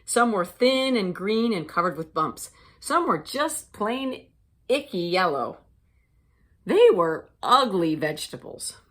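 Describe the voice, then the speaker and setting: Reading a storybook to young listeners, this woman teacher uses a mid-range voice and careful, expressive phrasing.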